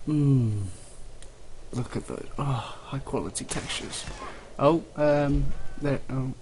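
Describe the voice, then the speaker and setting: A man with a medium-pitched voice commentates on a video game at a slow pace. He is offhand and jokingly sarcastic, with game gunfire and faint noise behind him. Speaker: let's play host. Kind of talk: casual gameplay commentary. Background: video game ambience and gunfire.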